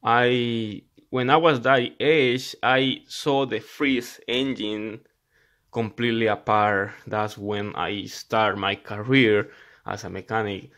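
A man's voice: lowish voice, steady tone, takes it slowly, fairly bright tone. A man in his thirties from El Salvador with a Salvadoran Spanish accent, a mechanic talking earnestly to his channel's viewers in simple phrases with frequent restarts. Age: 30s. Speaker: mechanic YouTuber. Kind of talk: casual talk to camera. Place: indoors at a laptop.

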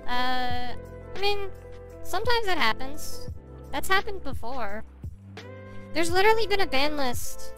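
A streamer's voice comes through a voice changer that makes it sound like a fairly high female voice. The talk is casual and rambling, full of filler words. Music plays clearly underneath. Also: sing-song, measured pace, pauses often, rough recording. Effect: voice changer on the mic. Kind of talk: casual stream chat reading viewer messages.

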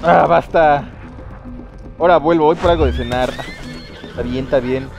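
Excitable Mexican man, swearing gamer. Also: fairly high pitch, moderate pace, gravelly, lo-fi sound, music in the background. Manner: casual, excitable, swears freely, talks to chat. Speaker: streamer. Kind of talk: live gameplay commentary.

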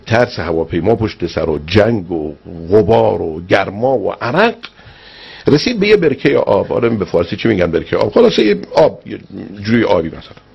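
A man's voice: gravelly, husky. A man preaching and telling a religious story, acting out the people in it with big swings in his voice. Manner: animated storyteller, acts out quoted speech with big pitch swings.

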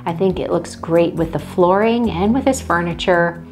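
Woman, home tour voice-over, homey and unhurried, soft music underneath. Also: fairly low pitch. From Texas. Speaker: home vlogger. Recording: faint background music.

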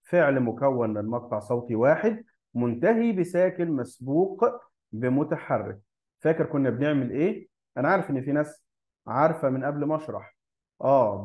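A man with an Egyptian Arabic accent teaching an English grammar lesson, explaining step by step and slowing down to spell out example words. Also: medium pitch, highs cut off.

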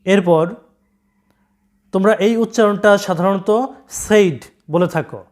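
A man with a Bengali accent gives an online English pronunciation lesson. His voice sits high for a man. He talks straight to his viewers and repeats each word slowly, one at a time. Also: a little mellow.

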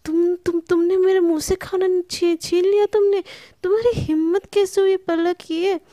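A woman voicing a hot-tempered, stubborn young woman who bickers in a loud, shrill, stammering way. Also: fairly even intonation, moderate pace, dry recording, clean studio sound. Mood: indignant.

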